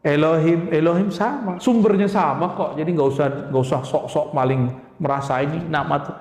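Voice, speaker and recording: High-voiced preacher in an echoing hall. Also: male voice, fairly quick, a little mellow. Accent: Indonesian. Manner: emphatic, rhetorical questions to the audience. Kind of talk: religious lecture to a congregation. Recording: echoey hall with long reverb.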